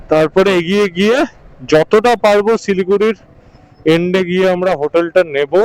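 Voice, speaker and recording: A man's voice: sits high, smooth, dry recording, low-quality recording. A man narrating a casual motorcycle travel vlog while riding, chatty and coaching his pillion with short repeated instructions. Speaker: motovlogger. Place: outdoors on a motorbike on the highway.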